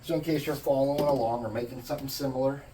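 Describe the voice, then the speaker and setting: A man's voice: medium pitch, steady tone, racing, noisy background. A man hosting a casual hobby crafting tutorial, chatting in a laid-back, jokey way as he works. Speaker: crafting channel host.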